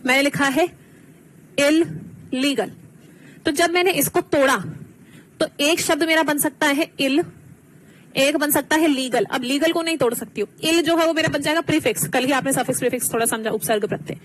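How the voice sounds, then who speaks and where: A woman teacher giving an online exam-prep lesson, explaining slowly, switching between two languages and quizzing her students. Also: high voice, slight background noise, rough recording.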